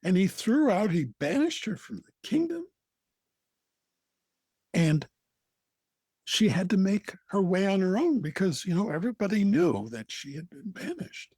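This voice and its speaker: An American man tells a folktale in a high-set voice for a man, with lively swings of pitch. He goes slowly and deliberately, leaving dramatic pauses between phrases. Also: husky, no echo. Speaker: storyteller, co-host. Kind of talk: oral folktale storytelling.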